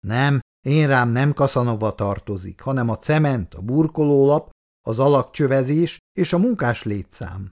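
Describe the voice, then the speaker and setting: A man's voice: medium pitch, expressive, a little mellow, close to an everyday voice. Man voicing a blunt practical young man. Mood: teasing. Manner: plain-spoken, teasing. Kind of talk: read-aloud story dialogue.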